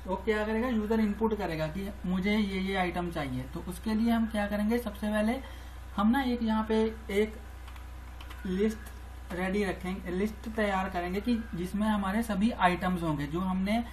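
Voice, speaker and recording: A woman's voice: medium pitch, moderate pace, a little mellow, slight background noise, rough recording. A woman teaching programming over a screen recording, talking through each step as she types and often repeating her phrases. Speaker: programming tutor. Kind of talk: screen-recorded coding tutorial.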